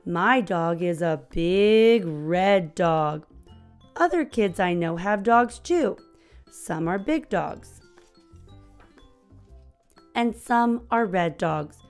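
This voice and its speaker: With soft background music playing, an American woman in her thirties reads a storybook to young children, expressive and clearly paced. Her voice is on the low side, very slow, and she pauses often.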